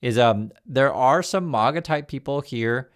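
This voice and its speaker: In a relaxed news commentary vlog, a Vietnamese-born man in his fifties who grew up in the USA reads articles aloud and chimes in with his own thoughts. He speaks unhurriedly at medium pitch with lively intonation, full of fillers and restarts.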